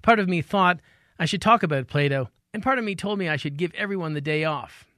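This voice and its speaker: A man hosting a radio show and narrating a personal story in a wry, measured way. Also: fairly high pitch, a bit bright, no room sound, studio quality.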